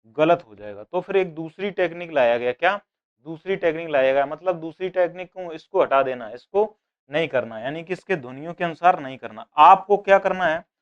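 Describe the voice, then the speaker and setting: Quizzing male teacher, smooth voice. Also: fairly high pitch, expressive, fairly quick, muffled recording. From India. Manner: asks questions and repeats answers, voices students' doubts. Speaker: exam coaching teacher. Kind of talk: online grammar lesson.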